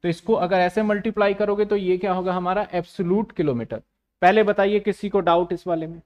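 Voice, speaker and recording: A man's voice: high-pitched, fairly even intonation, brisk, dull audio. A man giving a commerce lecture, asking questions and answering them himself, often repeating phrases. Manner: repetitive, asks and answers his own questions. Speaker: commerce teacher. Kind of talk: online classroom lecture.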